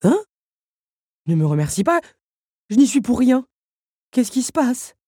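A woman voicing a bossy male puppet automaton who barks orders in a raised, shrill voice. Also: big pitch swings, unhurried, breathy edge, dry recording, studio quality, exaggerated voice. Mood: puzzled. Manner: barking orders, shouting.

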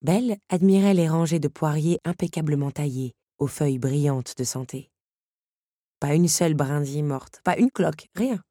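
Low, husky woman reading a novel. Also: normal speed, dark tone, no room sound, clean studio sound. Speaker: audiobook narrator. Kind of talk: novel read aloud.

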